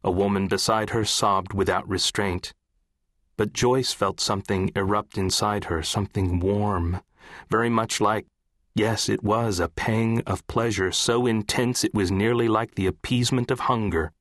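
A man reading literary fiction as an audiobook narrator, in a measured, composed way. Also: on the low side, steady tone, fairly bright tone, no room sound, clean studio sound.

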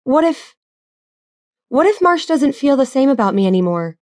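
A woman's voice: high-pitched, sing-song, normal speed, no room sound, studio quality, voice pushed up. A woman voicing an anxious young bride-to-be. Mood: worried. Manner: worried, earnest. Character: anxious young woman awaiting her fiancé.

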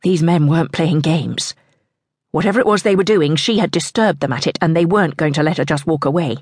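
A woman narrating an audiobook in a tense, measured storytelling manner. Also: low-pitched, a little mellow, husky, no echo, clean studio sound.

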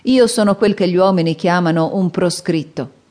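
Woman narrator as a young outlaw man, earnest, affectionate, mellow tone. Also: lowish voice, moderate pace, natural voice.

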